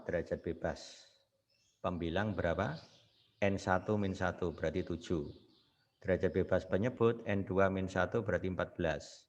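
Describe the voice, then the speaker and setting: A man teaching statistics in a recorded university lecture, walking through a problem step by step and tagging his points with quick rhetorical questions. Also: low-pitched, lo-fi sound. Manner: explains step by step with frequent rhetorical questions and "ya" tags.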